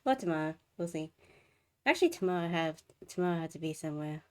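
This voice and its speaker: Talking fast and expressively, a woman with a low, darkish voice hosts a live game stream from indoors, chatting casually with her viewers over game music.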